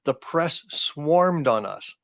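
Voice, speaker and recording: A man's voice: a little high, animated, takes it slowly, vocal fry, dry recording. Middle-aged guy cohosting a podcast, rambles thru old stories, dry close sound. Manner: rambling anecdotal storyteller. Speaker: podcast co-host. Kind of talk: casual chat.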